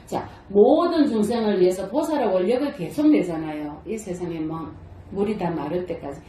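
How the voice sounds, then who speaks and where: An older woman, a Buddhist nun and temple abbot, gives a lively dharma talk and keeps asking her listeners questions. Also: mid-range voice, normal speed, a little hiss or hum. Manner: lively, asks the audience many rhetorical questions. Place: temple hall. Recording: roomy echo.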